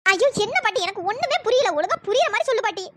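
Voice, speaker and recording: A woman voicing a sharp-tongued, teasing young wife in a cartoon. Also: big pitch swings, fast, exaggerated voice. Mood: puzzled. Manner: teasing, snappy. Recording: pitch-shifted cartoon voice with background noise.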